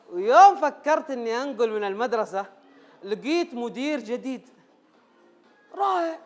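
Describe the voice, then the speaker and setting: A jittery, people-pleasing man, played by an actor on stage. He pleads and repeats himself in a notably high voice, with nervous laughter running through the theater monologue. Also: lightly acted. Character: anxious people-pleasing male ex-teacher.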